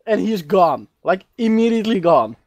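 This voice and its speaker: A man acting as dungeon master, narrating and explaining rulings in halting bits over voice chat. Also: high voice, very animated, no room sound.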